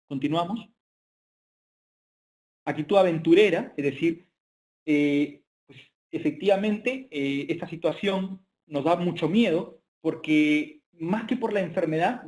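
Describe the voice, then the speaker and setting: Man, fairly high voice, business lecturer, halting speech, frequent "eh" fillers. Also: darkish tone. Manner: hesitant, frequent filler sounds. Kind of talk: online business lecture with slides.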